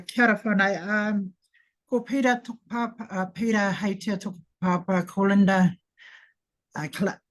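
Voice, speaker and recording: A woman with a Māori New Zealand accent giving a casual, halting introduction of her family. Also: medium pitch.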